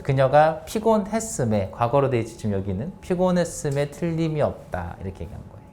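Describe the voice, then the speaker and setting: A male English teacher walks students through a grammar point. His pitch rises and falls with lots of movement. He keeps asking whether they understand, and he slows right down to read example sentences. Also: darkish tone. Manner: talks to students with frequent check-in questions, reads example sentences slowly. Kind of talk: grammar lesson lecture.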